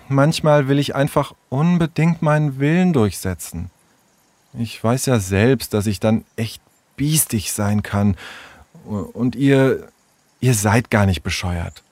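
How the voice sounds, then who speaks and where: A man's voice: fairly high pitch, big pitch swings, dry recording, voice pushed up. A man voicing a bossy, headstrong young girl in a storybook reading. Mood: sheepish. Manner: pushy, quick-tempered.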